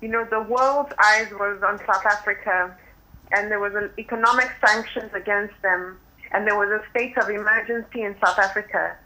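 Woman on a phone line, bright sharp voice, echoey tinny sound, talks with passion. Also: mid-range voice, steady tone, normal speed. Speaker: phone-in guest commentator. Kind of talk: phone-in commentary. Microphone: telephone.

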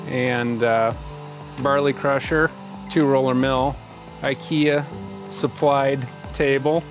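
A man in his forties, a home brewer, casually explaining his setup as he works in an indoor home brewery. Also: mid-range voice. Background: guitar music.

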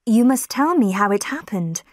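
Woman playing a calm lady detective. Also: on the high side, no echo, studio quality. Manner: slow, deliberate speech.

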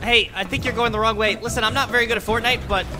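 A man's voice run through a voice changer that pushes it up to a squeaky, very high pitch. He gives excitable, self-mocking commentary while he plays, and loud game music runs behind him. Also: fast talker. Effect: voice changer raising the pitch. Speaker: gaming video creator. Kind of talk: live gameplay commentary.

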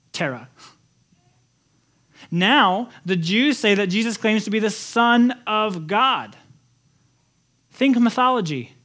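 Man, pastor, sermon, high voice, animated storytelling. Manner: animated storytelling, acts out quotes in lively voices.

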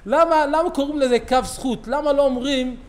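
A rabbi's sermon in a synagogue, delivered by a middle-aged man with a strikingly high voice. He tells stories lively and acts out each character's lines as he goes. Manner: animated storyteller, acting out quoted dialogue. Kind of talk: sermon with storytelling.

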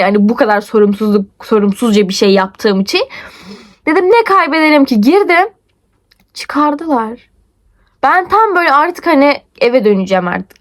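A young woman vlogger telling a story in a casual, rapid, breathless way, her pitch swinging up and down. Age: young adult.

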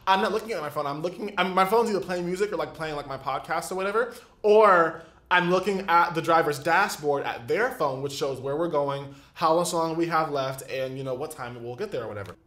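Young guy ranting a storytime, highish voice, echoey room. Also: a little fast. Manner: animated, exasperated storytelling. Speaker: vlogger. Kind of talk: storytime vlog.

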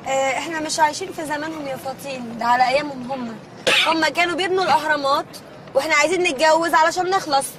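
An actress playing an impatient, high-voiced fiancée. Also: female voice, steady tone, racing, a crowd in the background, natural voice. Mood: exasperated. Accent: Egyptian Arabic. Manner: sharp, exasperated nagging. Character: impatient young woman fed up with her fiancé. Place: outdoors near the pyramids. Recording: distant outdoor mic with street noise.

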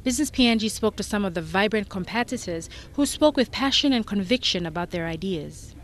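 A woman reads a business news report in a steady, scripted manner. Her voice sits at a middle pitch and keeps an even, measured pace. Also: a little hiss or hum. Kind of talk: scripted narration.

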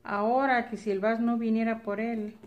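A woman's voice: a little high, flat delivery, moderate pace, lo-fi sound. A middle-aged woman with a Mexican accent chats casually and colloquially to camera as a family vlogger, holding a phone at arm's length. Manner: colloquial, chatty. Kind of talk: casual narration to camera while doing daily errands. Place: at home, indoors and in front yard. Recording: handheld phone with clear ambient noise.

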